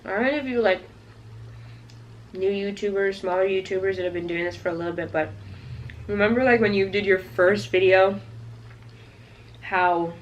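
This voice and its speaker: A woman's voice: medium pitch, normal speed, long pauses, lo-fi sound. A woman from Canada talking casually and directly to her viewers in a chatty storytime vlog. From Toronto, Canada. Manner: conversational, addressing viewers directly. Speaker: YouTube vlogger.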